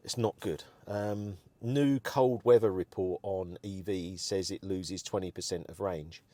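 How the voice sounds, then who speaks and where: A man's voice: deep voice, steady tone, a little slow, mellow, no echo. A man vlogging his frank opinions in a chatty, rambling way, with many ums. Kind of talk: casual opinion chat to camera.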